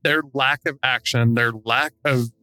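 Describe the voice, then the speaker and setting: A man co-hosting a podcast, giving opinionated conversational commentary in a frustrated, halting, emphatic way. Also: medium pitch, fairly even intonation, over music. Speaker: true crime podcast co-host.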